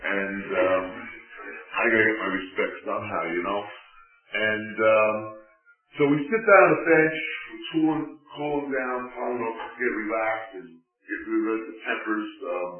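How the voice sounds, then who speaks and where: A man telling a personal testimony in an animated, self-mocking way, often restarting his sentences. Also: on the low side, moderate pace. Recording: distant, echoey, phone-like sound with faint music.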